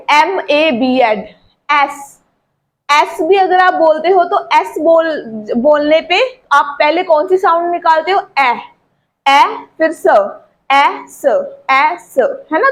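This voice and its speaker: A woman giving an English grammar lesson. Her voice sits high and she speaks in a slow, deliberate way. She repeats each point and keeps asking her students questions as she explains. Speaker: English teacher.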